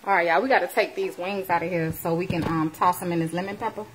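Woman in her thirties, cooking-show host, playful and lively, phone mic in a home kitchen with faint hiss. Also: on the low side, quick pace, poor audio. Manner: lively, playful, churchy exclamations, talks to viewers as y'all. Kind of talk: live cooking stream chat. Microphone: phone camera, moving between close and across the kitchen.

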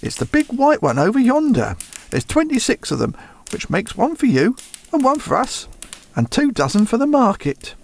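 A man's voice: very high voice, wildly swooping pitch, moderate pace, creaky, voice pushed up, exaggerated voice. A man voicing a kindly, matter-of-fact country woman in a radio drama.

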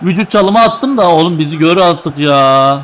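A young man commentating his own online football match with teammates, excitable and joking, trash-talking and repeating his calls. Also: on the high side, normal speed. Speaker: gaming YouTuber. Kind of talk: live gameplay commentary with teammates.

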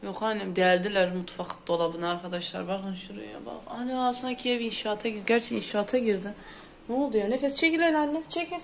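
A woman's voice: mid-range voice, a little fast, creaky, slight background noise. A woman hosting a casual home vlog, chatty and exclamatory, a bit sick with a sore throat, complaining as she talks. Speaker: vlogger host. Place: at home, indoors.

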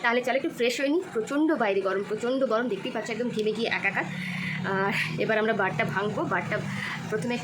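A woman chats quickly to her viewers in a fairly high voice. Loud background noise sits under her casual vlog talk. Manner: chatty, addresses viewers directly. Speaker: family vlogger.

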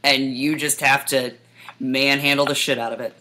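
A woman with a low-pitched voice that still rings bright co-hosts a casual racing podcast. She swears freely and laughs easily as she chats. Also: fairly even intonation, moderate pace. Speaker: podcast co-host. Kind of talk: casual chat.

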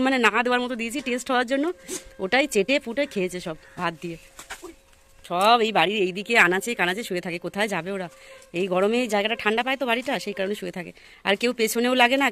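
A woman's voice: mid-range voice, rapid-fire, fairly bright tone. A woman vlogging from her village home, chatting to viewers as she feeds animals and cooks. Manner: chatty, explains each cooking step to viewers. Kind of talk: casual cooking vlog narration.

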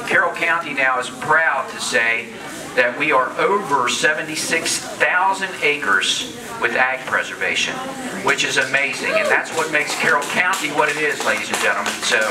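A middle-aged county commissioner with a fairly high, expressive voice presents awards at a casual ceremony, speaking at normal speed into a handheld mic in a large, echoing farm hall. He reads from a proclamation but keeps breaking off for jokes and off-script asides. The mic sounds distant, and a crowd murmurs in the background.

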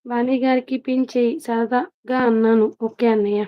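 A woman's voice: fairly high pitch, little pitch movement, moderate pace, dull audio. A woman chatting casually on a live stream, greeting viewers by name and reading their comments aloud. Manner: chatty, greets viewers one by one, laughs often. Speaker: vlogger hosting a live stream. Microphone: phone.

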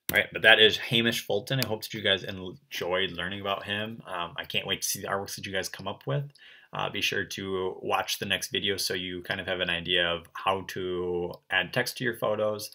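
A man's voice: sits low, gravelly, sharp tone. A young man teaching an art lesson to children, explaining in a friendly way with many ums. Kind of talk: recorded class lesson for kids.

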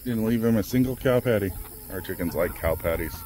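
Filming outdoors on a ranch with chickens and cows around, a man with a lowish voice talks fairly quickly while doing chores for his farm vlog. His casual chat is relaxed and rambling, full of fillers, over slight background noise.

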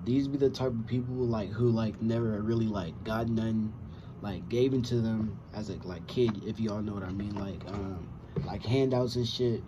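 In a small room with wooden cabinets, a man in his 20s hosts a reaction video, speaking at normal speed in a lowish voice. His chat to camera is rambling, slangy and laced with swearing, and the dull lo-fi audio carries background noise and music.

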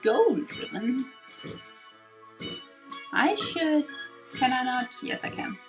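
A woman let's player gives casual, self-deprecating commentary while gaming, often apologizing as she plays, with game music behind her. Her voice is high, animated, and slow.

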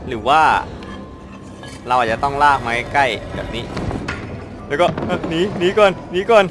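A Thai man commenting while playing a horror game, chatty and excitable, yelping and apologizing to the characters. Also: medium pitch, moderate pace. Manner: excitable, yelps and shouts when chased. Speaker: gaming YouTuber. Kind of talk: let's play commentary. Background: game music.

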